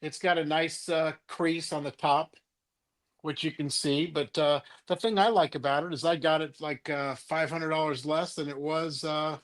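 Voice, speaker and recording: A man's voice: on the high side, fairly even intonation, normal speed. A middle-aged man from California, co-hosting a casual podcast chat, joking and handing out playful nicknames. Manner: joking, hands out nicknames, rambles with restarts. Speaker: co-host.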